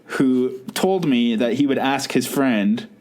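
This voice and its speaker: Casual male podcast co-host, rambling and self-mocking, quick to laugh. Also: medium pitch, a little mellow.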